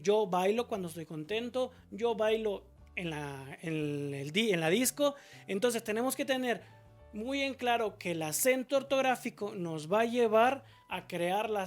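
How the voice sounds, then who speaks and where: A woman teacher of medium pitch explains spelling with patience, posing her own questions and then supplying the answers. Example words are drawn out one syllable at a time.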